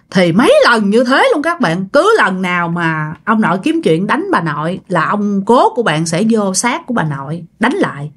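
A woman's voice: medium pitch, breathy edge. A woman with a Southern Vietnamese accent telling a ghost story casually, acting out quoted voices. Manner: animated, acts out quoted voices.

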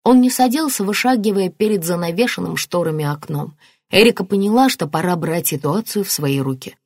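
A woman narrating a novel as an audiobook in an even, clear reading. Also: on the low side, brisk, dry recording, studio quality. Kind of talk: scripted narration.

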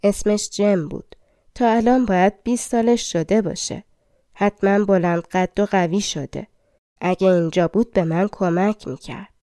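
A woman's voice: medium pitch, mellow, no room sound, clean studio sound, close to an everyday voice. A woman reading a storybook, voicing a weary, grieving old cobbler who laments his lost son. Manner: sorrowful, lamenting.

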